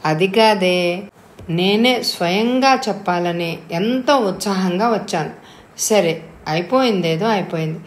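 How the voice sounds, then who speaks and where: A woman voicing a headstrong, moody young woman who talks boldly and flares up quickly. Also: medium pitch, lightly acted. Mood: indignant. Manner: bold, quick-tempered. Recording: echoey room.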